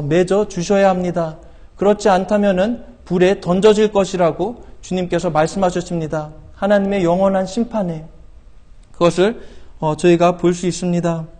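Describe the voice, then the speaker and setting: This is a sermon by a middle-aged male missionary, preached from a church pulpit in a voice notably high-pitched for a man. He pleads earnestly with rhetorical questions and many hesitant fillers, loudly and slowly shouting any scripture he quotes.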